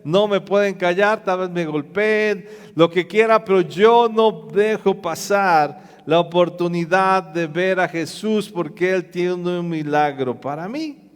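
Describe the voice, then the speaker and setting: A man preaching who acts out a desperate blind male beggar crying out loudly and refusing to be silenced. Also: on the high side, expressive, unhurried, pauses often, big-room sound. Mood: pleading loud.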